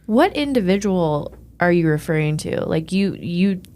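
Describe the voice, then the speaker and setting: Playful lower-voiced woman host. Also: expressive, a little slow, darkish tone. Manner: playful, teasing, lots of likes and mm-hmms. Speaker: podcast host. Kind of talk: casual chat.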